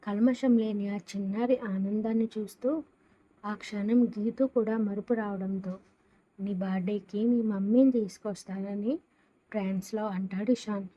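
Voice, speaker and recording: A woman storyteller reading a romantic story aloud in a steady narrating voice. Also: mid-range voice, a little slow. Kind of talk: scripted narration. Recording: dull lo-fi sound.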